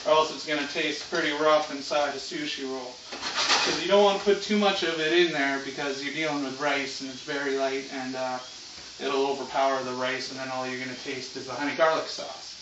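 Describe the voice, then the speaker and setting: A man hosts a casual, unscripted cooking demo in his home kitchen, talking in a loose, slangy, laid-back stoner-ish way at a fairly quick clip. His medium-pitched voice stays fairly even. A distant camera mic leaves the audio muffled and echoey, with a noisy background.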